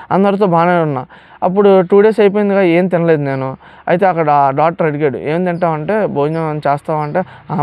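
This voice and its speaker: Fast-talking young man giving a testimony. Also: high-pitched, a little mellow, smooth, no echo. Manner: fast emotional storytelling, acts out pleading quotes. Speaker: testimony speaker. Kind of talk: personal testimony.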